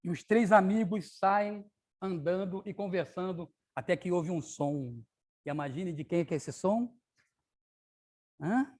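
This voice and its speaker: A man's voice: sits high, a little slow, a little mellow. A man, a capoeira master, reading a children's story aloud and stopping to explain things to his audience.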